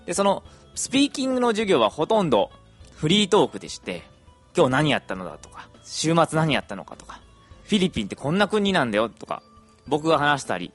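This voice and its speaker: A young adult man chatting through a casual podcast monologue, with plenty of fillers. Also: fairly high pitch. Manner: chatty, lively intonation, many fillers.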